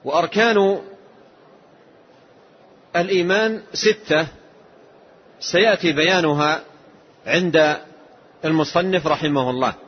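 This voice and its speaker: A man with a husky, somewhat high voice teaches a religious lesson in a slow, measured way. He explains the text patiently, point by point. The recording sounds dull and lo-fi, like an old lesson tape. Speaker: Islamic scholar.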